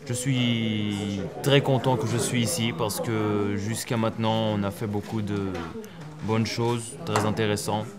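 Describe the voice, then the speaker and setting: A young man from Israel, tired, introducing himself in halting French while searching for words. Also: on the low side, little pitch movement, a loud crowd. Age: young adult. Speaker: student visitor. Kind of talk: casual self-introduction to camera.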